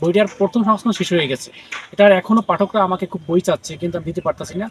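A man from Barishal speaks as an interviewed poet, earnest and increasingly emphatic. His voice sits high and his words come fast. A faint hum of ambient noise runs behind him. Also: poor audio. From Barishal region, Bangladesh. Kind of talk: interview answers.

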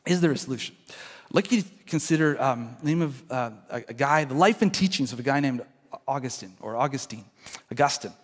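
A man's voice: mid-range voice, expressive, brisk. A man preaching a sermon in a church, in an earnest conversational way, often restarting his sentences. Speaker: pastor. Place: church sanctuary. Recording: long church hall reverb.

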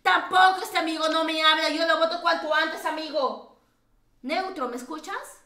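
Girl streamer, bright voice, teasing and laughing a lot, kinda roomy sound. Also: very high voice, normal speed. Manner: teasing, chatty, laughs often. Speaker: streamer hosting a game lobby. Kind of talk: casual live-stream chat.

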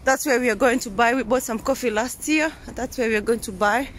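A woman's voice: on the high side, a little hiss or hum. Chatty young woman vlogging on a phone. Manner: chatty, halting with restarts and fillers. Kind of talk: casual travel vlog. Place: inside a car, then a hotel room. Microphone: handheld phone camera.

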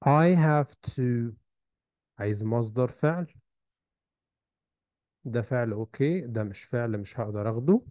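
A man's voice: mid-range voice, animated, a little slow, pauses often, a little mellow, no echo. A man with an Egyptian Arabic accent, teaching a recorded textbook lesson and spelling out sounds and words carefully. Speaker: English teacher.

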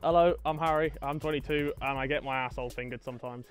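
A young man in his twenties from Guernsey, awkwardly delivering deadpan confessions as a contestant on a studio dating show. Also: medium pitch, quick pace. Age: 20s. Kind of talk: comedic dating-show pitches. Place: indoor studio stage. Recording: studio with background music.

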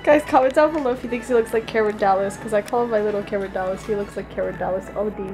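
A young woman chatting casually and excitably in a vlog, recorded on a handheld camera in a bedroom. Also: medium pitch, rapid-fire, over music, poor audio. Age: young adult. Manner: excitable, gushing, informal. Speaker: vlogger. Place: small bedroom indoors. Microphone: handheld camera at arm's length.

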